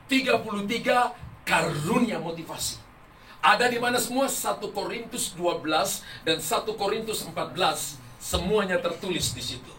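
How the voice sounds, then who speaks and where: A male pastor with a high, bright, forceful voice delivers an emphatic sermon. He drives hard on key words and tells stories with quoted dialogue. He is heard from a distance in a reverberant hall. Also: slight background noise. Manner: emphatic preaching, rising loud on key words. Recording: echoey hall, voice from far off the mic.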